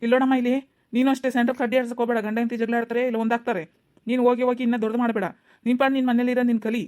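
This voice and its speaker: A woman's voice: fairly high pitch, level tone, racing, a little mellow, natural voice. Stern cartoon police officer, voiced by a woman. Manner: scolding, bossy.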